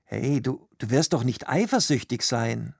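Male narrator doing a chatty, oblivious husband, gravelly and dry. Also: mid-range voice, animated, measured pace, no echo, exaggerated voice. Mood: teasing. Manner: breezy, joking. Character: cheerful husband, teasing and oblivious.

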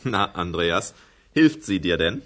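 A doubtful father in a radio drama. His voice is extremely deep, and he questions in a slow, measured, sceptical way. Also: big pitch swings, a bit bright, exaggerated voice. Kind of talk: language-course radio drama.

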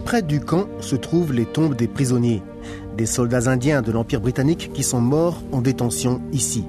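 A man hosting a radio magazine, reading a scripted news narration in a measured, formal way. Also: mid-range voice, music in the background.

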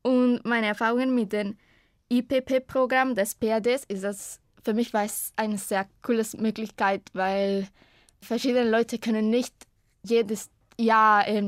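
A young Costa Rican woman in her 20s, a native Spanish speaker, introduces herself in learner German with a medium-pitched voice. She sounds hesitant and keeps searching for words. The recording is studio quality with no room sound.

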